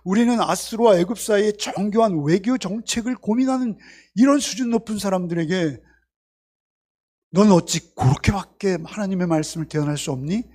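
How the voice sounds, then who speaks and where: A man's voice: high-pitched, normal speed, darkish tone. A man putting on a sneering scoffer. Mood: scornful. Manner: scornful, whiny taunting. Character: sneering scoffers mocking a prophet.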